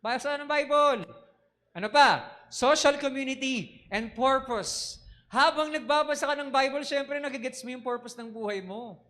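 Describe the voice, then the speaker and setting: Guy preaching w/ a high voice, lively, keeps asking the crowd questions. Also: moderate pace. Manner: animated preaching, mixing Tagalog and English, asking the audience questions. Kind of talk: sermon.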